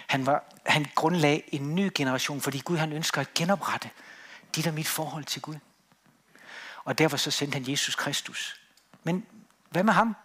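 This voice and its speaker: Male preacher, slightly high voice, emphatic swells and quiet drops, church sermon. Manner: emphatic, rising on key words then dropping to quiet.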